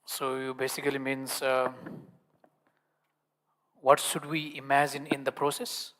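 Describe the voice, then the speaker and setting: A man giving a spoken English translation of a teaching, in halting, non-native English phrasing. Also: medium pitch, little pitch movement, fairly bright tone. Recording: long hall reverb.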